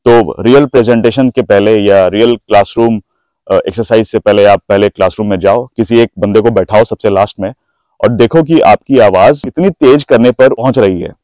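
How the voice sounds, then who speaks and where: A man's voice: fairly low pitch, dark tone, no echo, low-quality recording. A man teaching presentation skills, stretching and stressing single words to show how emphasis works. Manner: drawn-out, stressed words when demonstrating emphasis. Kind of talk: instructional talk.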